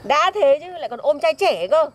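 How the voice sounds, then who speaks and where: A woman's voice: sits high, lively intonation, fairly quick. A woman in comedic banter, teasing and accusing her friend in a gossipy way. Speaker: village woman in comedy skit.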